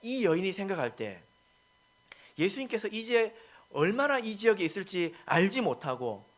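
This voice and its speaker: Animated Korean preacher man. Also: high voice, moderate pace. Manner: preaching with rising emphasis and many soft "ye" fillers. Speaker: pastor. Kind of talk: sermon.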